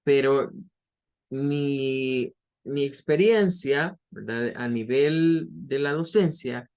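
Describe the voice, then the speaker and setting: A man's voice: medium pitch, a little mellow, smooth. Man teaching pronunciation, repeating sounds. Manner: explains slowly, repeats model sounds aloud. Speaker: English teacher. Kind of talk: online pronunciation lesson.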